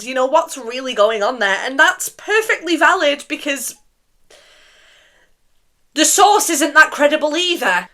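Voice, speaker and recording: A young woman, hosting a casual vlog in a chatty, animated way with offhand swearing. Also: fairly high pitch. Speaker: YouTuber host.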